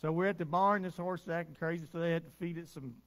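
A man's voice: fairly high pitch, steady tone, fast, a bit bright. A middle-aged man, preaching in a down-home, conversational way during a church service, telling stories with little chuckles. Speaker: pastor. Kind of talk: folksy sermon storytelling.

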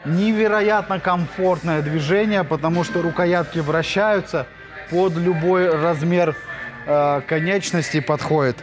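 A man with a slightly high voice walks through a large indoor gym, talking eagerly and casually with many fillers. Background music runs under his voice throughout. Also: steady tone, unhurried. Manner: enthusiastic, chatty, hesitant fillers. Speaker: fitness vlogger. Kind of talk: walking gym tour.

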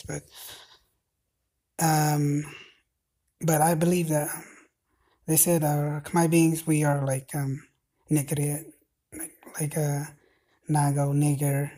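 A man in his thirties from Cambodia, rambling to a phone camera with many pauses and fillers while lying on a bed in a dim bedroom. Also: fairly high pitch, warm tone. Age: 30s. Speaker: vlogger. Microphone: phone held at arm's length.

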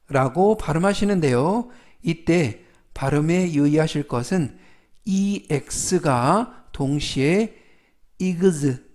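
Slow, careful Korean man teaching English words. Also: a little high, a little mellow. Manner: slow, careful, polite formal explanations with repeated drilling. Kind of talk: slow instructional vocabulary lesson.

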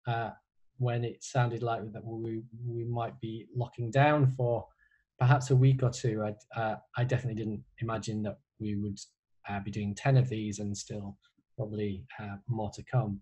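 A man's voice: medium pitch, dark tone, breathy edge. A man in his fifties from Yorkshire, hosting a casual video-call chat with plenty of fillers and restarts, recorded at home on a headset mic. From Yorkshire, England. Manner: chatty, frequent fillers and restarts. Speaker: host. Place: bedroom at home.

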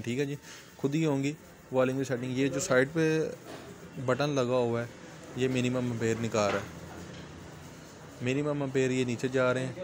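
This middle-aged man casually shows off a welding machine from behind his shop counter against a noisy background, speaking in a mid-range voice. Chatty throughout, he addresses viewers as "brother" and leans on "bhaijan" and "theek hai ji" again and again.

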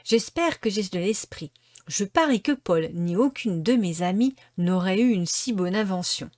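A woman's voice: a little high, lively intonation, a little slow, dry recording, studio quality, pitched above the performer's own voice. A woman reader voicing a spoiled, proud little girl who sounds gleeful and self-satisfied. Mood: pleased.

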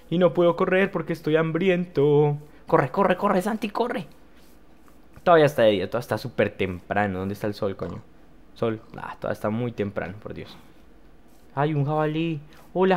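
Un hombre joven con acento colombiano narra su partida de un videojuego. Habla con entusiasmo y exclamaciones constantes, y se dirige todo el rato a quienes lo ven. Su tono es el de una charla informal de youtuber. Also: male voice, on the high side. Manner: lively, exclamatory, talks to viewers as "señores". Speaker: gaming youtuber. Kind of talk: casual let's play commentary.

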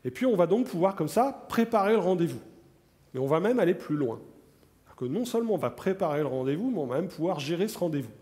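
Man, 40s, keynote presenter, live demo, slightly high pitch, reverberant conference hall. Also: fast talker. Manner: animated, addresses the audience directly, many fillers. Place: large conference hall on stage.

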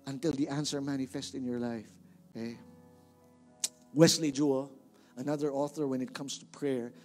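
A man's voice: mid-range voice, fairly even intonation, normal speed, darkish tone, soft background music. A male pastor with a Filipino accent preaching a sermon in a church, emphatic, repeating words and calling on the congregation to answer back.

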